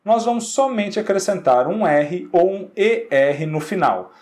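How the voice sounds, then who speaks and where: A man teaching an English grammar lesson in Portuguese. He explains patiently, keeps checking in with short questions, and says English words slowly so they can be copied. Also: sits high, lively intonation, a little mellow. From Brazil.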